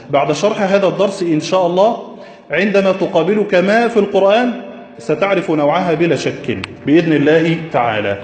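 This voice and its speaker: Guy teaching grammar at a whiteboard, fairly high voice, keeps quizzing the class, echoey room. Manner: slow, deliberate, quizzes the listener with questions.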